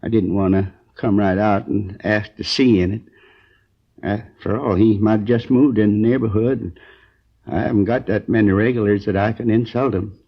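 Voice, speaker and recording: A hurt, half-awake storekeeper, a gravelly American man in his sixties, speaks in a lowish, fairly even voice, earnest and weary. He wanders through his words haltingly, folksy and sincere, groggy and in pain, on a flat-sounding 1950s crime drama recording.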